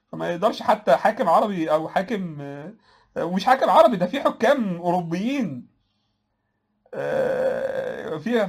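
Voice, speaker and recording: A man with an Egyptian Arabic accent and a voice that sits high offers casual political commentary. He answers viewers sarcastically, laughs at his own points and frequently restarts his phrases.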